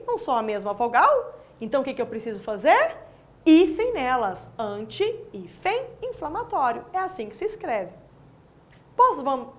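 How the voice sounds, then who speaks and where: A woman's voice: sits high, fairly bright tone. A woman teaching a recorded distance-learning lesson, asking the viewer questions and answering them with friendly tag questions. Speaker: Portuguese language teacher.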